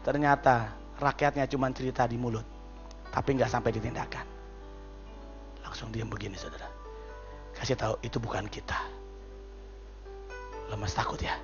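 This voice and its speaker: A man preaching a sermon as pastor, lively and chatty, joking and calling out to the congregation. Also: mid-range voice, normal speed, pauses often, lo-fi sound, music in the background.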